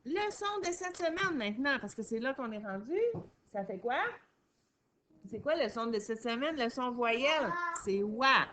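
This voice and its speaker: Slow, encouraging woman teacher. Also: a little high, a bit bright, a little hiss or hum. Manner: slow, clear, encouraging teacher talk with questions and praise. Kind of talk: early-reading phonics lesson for young children.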